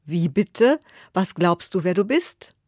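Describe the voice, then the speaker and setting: A woman voicing a proud, stingy, grumpy king who talks loudly and indignantly. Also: mid-range voice, animated, moderate pace, no room sound, clean studio sound, lightly acted. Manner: loud, indignant, blustering.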